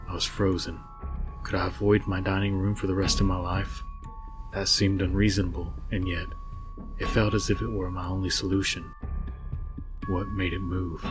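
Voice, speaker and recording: A man narrating a scary story in a low, haunting voice, reading in a measured, scripted way. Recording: music behind the voice. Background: music.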